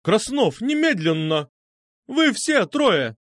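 A man voicing a stern, booming woman head teacher who barks commands. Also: very animated, normal speed, dry recording, studio quality. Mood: commanding. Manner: barking, commanding.

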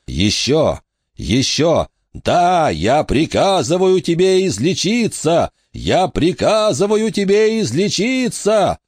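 A man voicing a desperate young male preacher who shouts pleading commands as he tries to heal. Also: a little high, big pitch swings, takes it slowly, husky, dry recording, studio quality, pitched above the performer's own voice, heavily acted. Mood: shouting. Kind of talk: audiobook character voice.

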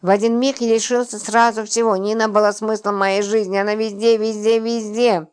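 A woman's voice: medium pitch, flat delivery, moderate pace, clean tone, lightly acted. A woman doing a raging heartbroken man. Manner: loud, ranting and emphatic. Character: furious heartbroken man shouting in despair.

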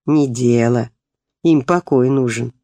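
A man reading the part of a kindly old woman nurse who fusses and gently chides two girls. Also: mid-range voice, slow pace, no echo, pitched below the performer's own voice. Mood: gently scolding. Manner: fussy, gently chiding.

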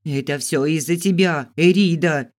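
A man voicing a proud, hostile young female dancer who speaks in a rough, scornful way. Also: a little high, moderate pace, close to an everyday voice. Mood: shouting.

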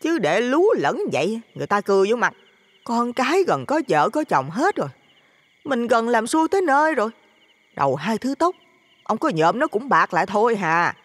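An actress playing a scolding, nagging middle-aged wife in an audio drama. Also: female voice, a little high, very animated, moderate pace, no echo.

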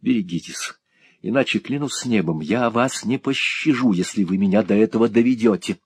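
A man's voice: lowish voice, normal speed, husky, no room sound. A man voicing a young, righteous male teacher who speaks firmly and defiantly against cruelty. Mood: outraged. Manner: firm, defiant, rising to angry shouts.

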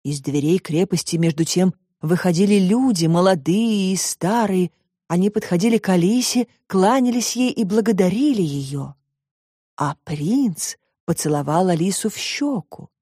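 A woman narrating a children's storybook as an audiobook, with expressive storytelling. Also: lowish voice, moderate pace, slightly rough, no room sound, clean studio sound. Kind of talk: scripted narration.

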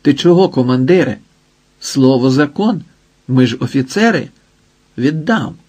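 A man's voice: medium pitch, expressive, unhurried, slightly rough. A man voicing a brash, insolent young man who talks down to others. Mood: brushing off. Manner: insolent, loud.

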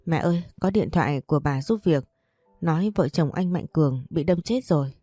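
A woman's voice: sits low, moderate pace, warm tone, no echo, soft background music. A woman doing a frightened young wife. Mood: anxious.

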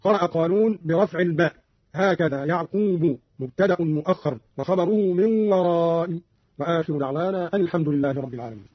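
Formal male radio presenter, husky. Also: on the high side, dry recording. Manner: measured formal delivery, chants quoted verses. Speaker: radio presenter explaining recitation variants. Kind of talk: scripted explanation with chanted examples. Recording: dull lo-fi radio archive.

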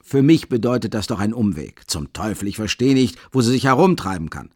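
A man's voice: lowish voice, lively intonation, brisk, darkish tone, dry recording, studio quality. A man voicing an impatient, exasperated visitor who grumbles and curses in an audiobook.

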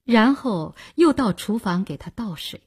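A woman narrating a novel in a measured storytelling reading. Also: mid-range voice, lively intonation, a little mellow, breathy edge.

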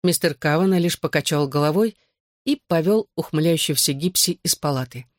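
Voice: medium pitch, fairly quick, dry recording, studio quality. An audiobook reader giving an earnest, emotional first-person narration of a novel.

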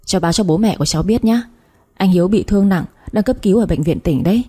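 A woman's voice: medium pitch, animated, fast talker, mellow, husky. A woman reading aloud, voicing a middle-aged man calling from a hospital in an urgent, businesslike way. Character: brisk male hospital caller, middle-aged.

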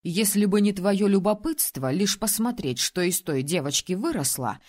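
A woman's voice: medium pitch, expressive, moderate pace, a little mellow, close to an everyday voice. Woman doing an ancient, condescending male keeper. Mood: calm. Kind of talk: audiobook character voicing.

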